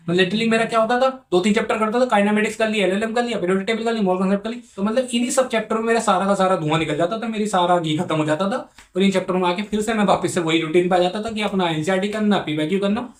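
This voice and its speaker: A young man from India giving exam-prep advice in a casual, earnest vlog, repeating his points and speaking straight to his viewers. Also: sits high. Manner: rapid, earnest, repetitive, addresses viewers as bhai sahab.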